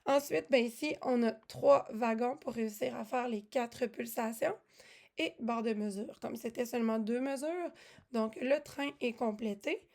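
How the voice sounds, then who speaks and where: A woman presents music lesson materials in a casual walkthrough. Her voice sits slightly high, and she talks in a chatty way, with frequent fillers and self-corrections. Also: unhurried, darkish tone. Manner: chatty, many fillers and restarts. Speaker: music teaching resource presenter.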